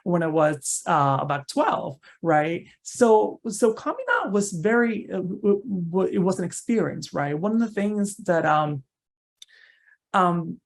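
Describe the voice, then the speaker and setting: A man's voice: high voice, lively intonation, unhurried, gravelly. A man from Cuba, a university researcher giving an online seminar talk over a video call in a conversational way, often tagging his sentences with "right?" and restarting phrases.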